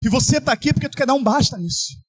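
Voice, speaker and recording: A Brazilian man preaching an impassioned altar-call sermon, often shouting and half-singing his pleas. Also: extremely high pitch, expressive, rapid-fire. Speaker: pastor.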